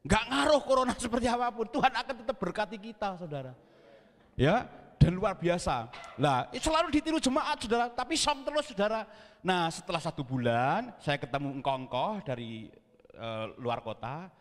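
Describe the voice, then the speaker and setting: A man's voice: sits high, sing-song, moderate pace, a bit bright, big-room sound. A man preaching a sermon with a Javanese accent, telling a personal testimony and acting out its scenes with spoken sound effects. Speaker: pastor. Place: church hall.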